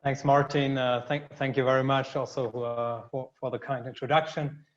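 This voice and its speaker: A man's voice: medium pitch, level tone, moderate pace, highs cut off. A man speaking as a panelist in a webinar, hesitant, with many fillers and restarts. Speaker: panelist, consultancy CEO.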